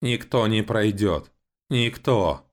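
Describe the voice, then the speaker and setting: A man voicing a stern robot gun sentry with a creaky, grating voice that speaks slowly and repeats its warnings, in an audiobook. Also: on the low side, voice pushed up. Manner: slow, insistent, repeats itself. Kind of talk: audiobook voice acting.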